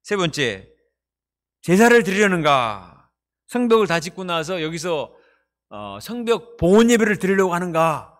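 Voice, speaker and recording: A man's voice: high voice, very animated, moderate pace. A male pastor preaching a sermon in an emphatic style, with frequent rhetorical questions.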